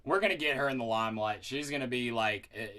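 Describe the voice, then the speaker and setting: A woman's voice: a bass voice, fast, fairly bright tone. A woman hosting a casual podcast chat, laughing often as she asks her guests chatty questions. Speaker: podcast host.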